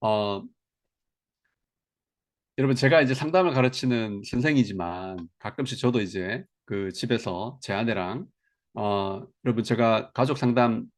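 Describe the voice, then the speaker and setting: A middle-aged man giving a seminar lecture on counseling to teachers, asking his audience questions as he explains. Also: medium pitch. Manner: animated, asks the audience questions.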